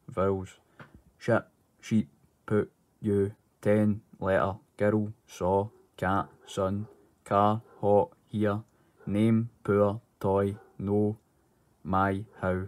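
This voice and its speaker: A man's voice: on the low side, a little mellow. A man from Glasgow with a Glaswegian Scottish accent, reading a script as an accent sample. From Glasgow, Scotland.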